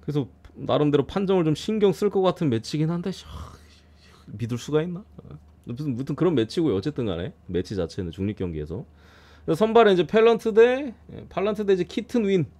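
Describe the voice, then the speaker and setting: A man giving a casual streamed preview of baseball games, blunt and quick to swear and grumble. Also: a little high, very animated, darkish tone. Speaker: baseball betting analyst streamer.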